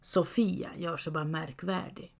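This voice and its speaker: A woman's voice: lowish voice, steady tone, creaky, darkish tone. A woman voicing a sulky, jealous brother who speaks in a sullen, snappish way.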